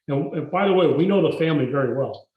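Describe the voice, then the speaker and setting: A man, a guest telling his story in a podcast interview in a measured, emphatic way. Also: fairly high pitch, lively intonation, narrow, tinny audio. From Mexico. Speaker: guest entrepreneur. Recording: roomy echo.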